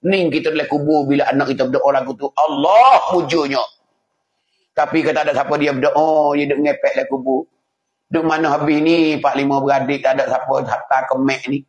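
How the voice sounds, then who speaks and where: A man's voice: fairly high pitch, fast talker, muffled recording. A man with a Patani Malay accent preaching an emotive sermon, repeating phrases and acting out scenes. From southern Thailand. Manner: emotive, repetitive, acts out scenes. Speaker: religious preacher.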